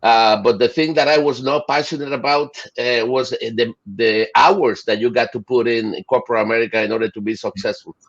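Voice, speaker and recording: A middle-aged man from Chile and Puerto Rico talks fairly quickly with few pauses, his mid-range voice keeping a fairly even intonation. He's an enthusiastic guest in a casual interview, restarting often and using plenty of fillers, on dull lo-fi audio.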